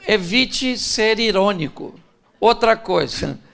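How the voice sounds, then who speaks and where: A man's voice: high voice, expressive, slow pace, vocal fry, fairly bright tone, some chatter behind. A man with a Brazilian Portuguese accent, a pastor giving a conversational, humorous sermon and speaking directly to his audience. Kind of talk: sermon on relationships.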